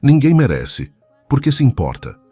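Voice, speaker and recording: A man's voice: medium pitch, wildly swooping pitch, moderate pace, a little mellow, slightly rough, no room sound, faint music behind, voice pushed up. A man voicing a guarded, defiant young woman in a story, speaking tensely.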